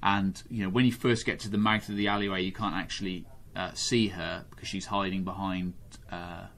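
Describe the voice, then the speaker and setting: Male host, low voice, measured and hesitant, casual chat. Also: level tone, a bit bright. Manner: measured, hesitant, many ums.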